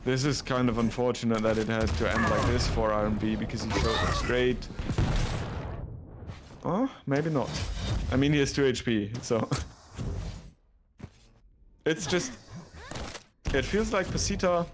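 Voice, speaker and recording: A man's voice: mid-range voice, unhurried, long pauses, noisy background. A man casting an esports match live, chatty and joking, often restarting his sentences. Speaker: esports caster. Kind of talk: casual live esports commentary.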